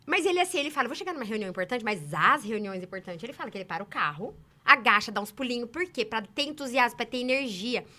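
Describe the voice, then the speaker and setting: Woman, from Brazil, quick talker, bright tone, emphatic storytelling. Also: fairly high pitch, animated. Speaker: saleswoman guest. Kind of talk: casual interview storytelling.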